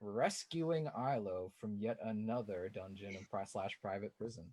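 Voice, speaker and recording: A man narrating as game master of a tabletop game, loose and halting with frequent fillers. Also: on the low side, a little mellow.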